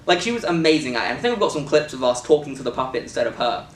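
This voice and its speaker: A man's voice: medium pitch, very animated, rapid-fire, crowd noise. A British man chatting casually and jokily about a film shoot, rambling with lots of fillers. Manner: rambling, jokey, many fillers. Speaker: filmmaker and co-host. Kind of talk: casual chat. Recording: echoey room from a distance with faint noise.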